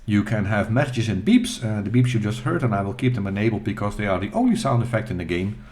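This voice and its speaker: A middle-aged man hosting a retro gaming channel, talking over gameplay in a casual, halting and self-deprecating way with fillers and restarts. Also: on the low side, lively intonation, darkish tone.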